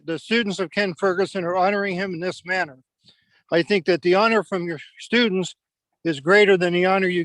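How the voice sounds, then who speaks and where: A man with a notably high voice speaks from afar through a group video call, offering a measured, sincere tribute with small pauses and restarts. His sound is dry and close to his own mic, with no room around it. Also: no echo, low-quality recording. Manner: sincere, measured, slightly halting. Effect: remote voice heard through a group call. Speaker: senior martial arts master giving a tribute. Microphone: own computer mic on a call.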